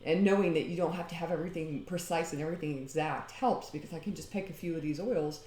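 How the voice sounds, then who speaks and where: Chatty low-voiced woman. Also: fast, a little mellow, reverberant, a little hiss or hum. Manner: rambling and talkative, often laughing. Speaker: home DIY vlogger. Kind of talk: casual chatty demonstration. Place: home.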